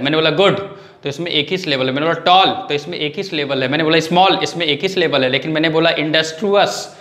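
A man's voice: on the high side, bright, forceful tone. Man teaching grammar in an echoey room. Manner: asks questions and answers them himself, repeats key points. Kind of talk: online lesson.

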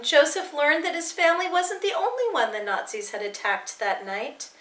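A woman teacher reading a novel aloud to her students with expressive, dramatic storytelling. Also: fairly high pitch. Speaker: English teacher. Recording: echoey room.

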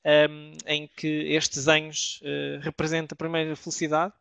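A man's voice: a little high, completely flat delivery, moderate pace, gravelly, fairly bright tone, smooth, no echo. Hesitant Portuguese man presenting slides. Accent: European Portuguese. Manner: hesitant, many filler sounds and restarts. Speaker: webinar presenter.

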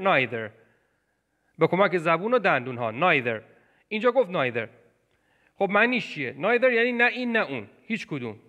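A man teaching English vocabulary, patiently repeating words and phrases slowly. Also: high voice, a bit bright. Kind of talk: language lesson explaining film clips.

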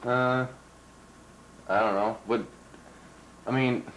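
A man playing a casual, sceptical male high school student in an amateur comedy skit, hesitant and slangy. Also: fairly even intonation, slow pace, fairly bright tone. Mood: casual, doubtful. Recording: noisy, echoey home camcorder audio.

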